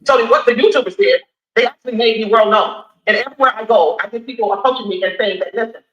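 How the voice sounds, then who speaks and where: Woman in her 60s, high bright voice, fast and emphatic, defensive interview answers, roomy dull audio. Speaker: city council candidate.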